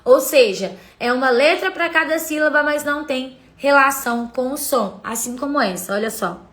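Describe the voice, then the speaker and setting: Bright high-voiced woman teaching. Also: normal speed. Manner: explains patiently, points things out to viewers, greets chat. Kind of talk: live-streamed literacy lesson.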